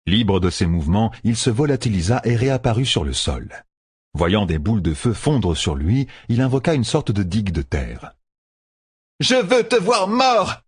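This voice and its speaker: A man with a husky voice narrating an audiobook with expressive storytelling. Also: lowish voice, normal speed, no room sound. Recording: dry close recording.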